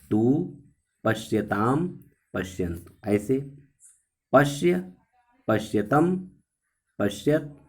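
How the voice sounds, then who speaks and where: A male teacher walks students through a grammar lesson at a very slow pace. He recites each form in turn, repeats it, and pauses to ask whether it is clear. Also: mid-range voice. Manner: patient, repeats forms and checks understanding.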